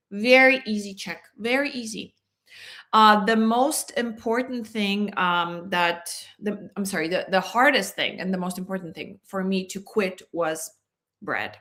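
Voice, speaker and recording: A woman's voice: mid-range voice, a bit bright. A woman from Poland, a wellness coach giving an earnest, chatty health talk and speaking straight to her viewers. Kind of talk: casual health talk to camera.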